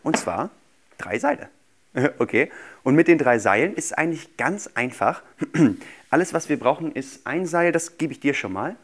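A man in his thirties, pitched fairly high with big swings in intonation, speaks at a moderate pace. As the show's guest magician on a small furnished studio set indoors, he entertains children with casual, playful patter while doing tricks.

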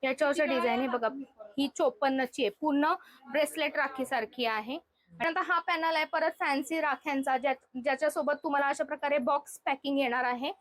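Hosting a shopping vlog, a woman shows off products unscripted, talking to viewers and chatting with the seller. She speaks a little fast in a high, slightly bright voice with fairly even intonation.

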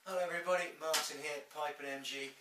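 A man's voice: fairly high pitch, fairly even intonation, fast talker, background noise. A man reviewing pipe tobacco in a rambling, chatty way with many restarts. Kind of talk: casual video chat. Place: room at home. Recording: echoey room, mic at a distance.

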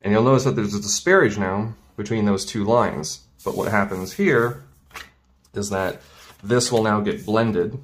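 Working indoors at a work table, a male tailoring instructor gives a casual hands-on demonstration, thinking aloud informally. His voice is lowish and his pace measured.

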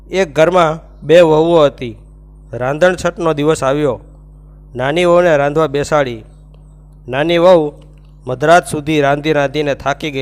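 Man calmly narrating a devotional tale. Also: fairly high pitch. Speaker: religious storyteller.

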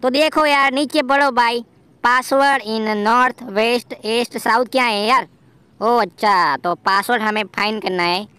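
A man voicing an excitable, jokey young male game hero in a playful gameplay voiceover, full of exclamations. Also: very high-pitched, takes it slowly, clear, resonant tone, full character voice. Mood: excited. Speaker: gameplay commentator voicing a character.

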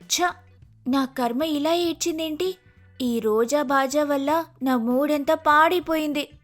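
A man voicing a fussy, dramatic young wife in a shrill falsetto, fretting and scolding. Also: steady tone, normal speed, fairly bright tone, faint music behind. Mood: grumbling.

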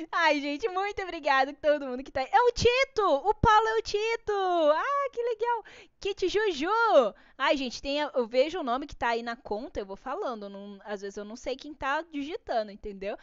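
A woman's voice: sits high, no room sound. A Brazilian woman with a Brazilian Portuguese accent hosting a craft live stream, chatty and bubbly, greeting viewers by name. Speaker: art class host. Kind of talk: casual live-stream chat. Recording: dull dry lo-fi stream audio.

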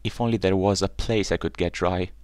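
A man voicing a sad, lonely young duckling in a storybook reading, speaking softly and downcast. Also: low voice, fairly even intonation, fairly quick, no echo, close to an everyday voice. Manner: soft, downcast.

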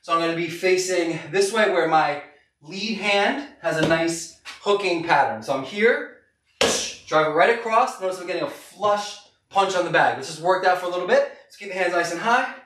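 High-pitched male boxing coach in noisy echoey garage. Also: normal speed, far from the mic. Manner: short punchy cues while punching a bag; encouraging. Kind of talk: live workout instruction. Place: garage gym, indoors, camera several metres away.

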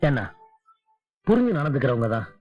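A man playing a kind young fiancé, lively voice. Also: medium pitch, moderate pace, close to an everyday voice. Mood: tender. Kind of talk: 1990s Tamil film acting. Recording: dull film soundtrack, faint music.

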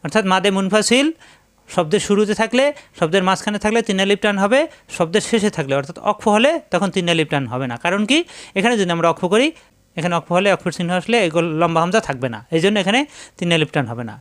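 A man with a high, smooth, resonant voice leads a tajweed lesson. He explains each rule slowly and repeats it. He breaks off into long, chanted recitation of the words he is teaching. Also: expressive, a bit bright.

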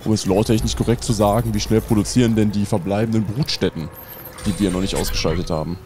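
A man giving casual, excitable gameplay commentary as a let's play host, dropping English gamer slang into his talk. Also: on the low side, fast talker, noisy background.

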